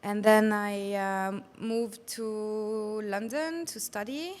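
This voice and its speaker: Speaking slowly in a mid-range, slightly mellow voice, this Luxembourgish woman with a French accent is a company executive being interviewed over video call. Her casual answers are full of fillers and restarts.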